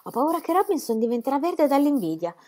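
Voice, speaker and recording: A woman's voice: high voice, very animated, quick pace, dark tone, voice pushed up. A woman voicing a bold, cheeky young girl who exclaims playfully.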